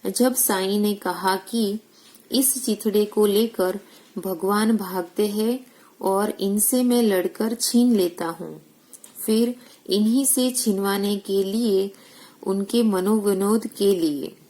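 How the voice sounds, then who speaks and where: A woman's voice: medium pitch, slow, mellow, low-quality recording. A woman teacher goes through textbook exercises, asking questions and answering them herself, with English words mixed in. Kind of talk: recorded school lesson, explaining textbook exercises.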